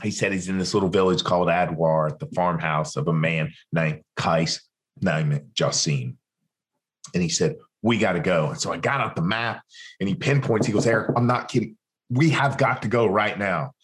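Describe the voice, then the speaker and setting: Lower-voiced man telling a tense story. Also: normal speed. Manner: animated storyteller acting out quoted dialogue. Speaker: podcast guest. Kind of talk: storytelling in a conversation.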